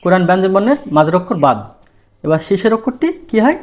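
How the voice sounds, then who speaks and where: Man, language teacher, high voice, asks and answers his own questions. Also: big pitch swings, racing. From Bangladesh. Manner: asks questions, then answers them himself. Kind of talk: lesson in Bengali.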